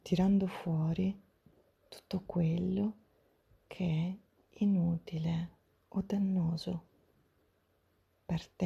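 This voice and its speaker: A woman softly whispering a guided breathing meditation, gentle and soothing, step by step with long pauses, in a breathy, hushed spa-like voice. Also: fairly low pitch. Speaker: guided breathing and relaxation instructor.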